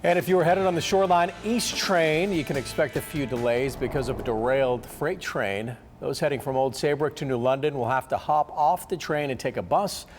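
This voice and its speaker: A man anchoring the evening news, reading scripted items in a crisp, upbeat way. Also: medium pitch, a little fast, few pauses, soft background music. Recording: reverberant studio.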